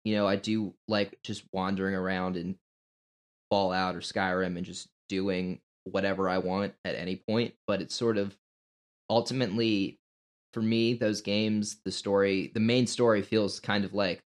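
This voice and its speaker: Low-voiced man in unscripted podcast talk. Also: level tone, moderate pace. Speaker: podcast co-host. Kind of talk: natural unscripted casual talk.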